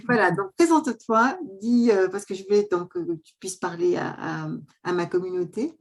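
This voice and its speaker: A woman coach hosts an interview over a video call, offering a warm welcome. Her mid-range voice moves at normal speed, and she's chatty, with frequent fillers.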